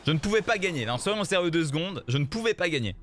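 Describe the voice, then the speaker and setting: A man's voice: on the high side, fast talker. A man giving casual, joking live commentary on his card game matches and talking straight to his viewers. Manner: animated, joking, repeats himself, addresses viewers as "les gars". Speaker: streamer playing a mobile card game. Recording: game music playing faintly behind.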